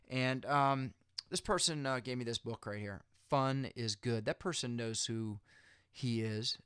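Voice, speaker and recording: A man's voice: medium pitch, a bit bright, smooth, no echo, studio quality. A man hosting a motivational series, giving a halftime-style pep talk straight to viewers in a conversational, encouraging way, leaning on repeated phrases for emphasis. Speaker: host of a motivational video series.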